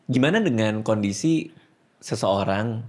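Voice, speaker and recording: A man's voice: lowish voice, lively intonation, unhurried, a little mellow. A man hosting a casual podcast interview, asking curious questions and prompting with short replies. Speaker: podcast host.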